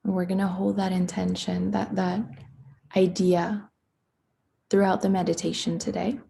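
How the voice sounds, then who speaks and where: A woman guides a meditation in a very slow, unhurried rhythm. Her voice is deeply mellow and dark, and strongly breathy. It sits a little low and at times drops almost to a whisper. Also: little pitch movement. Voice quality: breathy, sometimes sinking to a whisper. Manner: slow, soft and soothing with long pauses. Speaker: meditation teacher.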